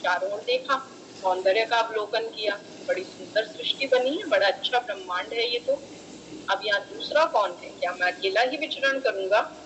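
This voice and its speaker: A woman's voice: medium pitch, normal speed, fairly bright tone, slight background noise, poor audio. A woman teaching an online class, explaining scripture and chanting Sanskrit verses, with English terms mixed in. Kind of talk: online lecture.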